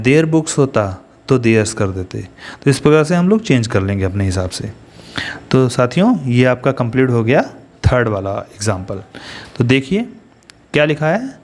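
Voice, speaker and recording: A man's voice: mid-range voice, darkish tone. A man with an Indian accent teaching an English grammar lesson, explaining step by step and asking his students questions as he goes.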